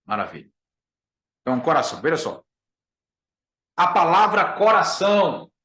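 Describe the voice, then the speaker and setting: A man with a Brazilian Portuguese accent gives an emphatic Bible lesson as a pastor. His voice sits a little high and he repeats each key point to his listeners. The room is echoey. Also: big pitch swings, normal speed, a bit bright. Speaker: pastor teaching a class.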